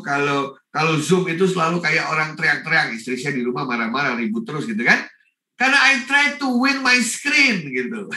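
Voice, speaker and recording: An animated man from Indonesia speaks at an online education forum, his voice bright and cutting, a little raised. He sounds off-mic in an echoey room over a video call, and he slips English phrases into his talk. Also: on the high side, recorded from a distance. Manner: animated, mixes English phrases, greets people by name. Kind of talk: lively online seminar talk.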